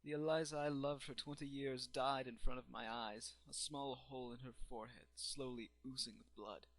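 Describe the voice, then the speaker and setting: A man's voice: mid-range voice, steady tone, normal speed, close to an everyday voice, low-quality recording. A man playing a grieving, obsessed doctor turned necromancer in a theatrical, brooding anime fandub monologue.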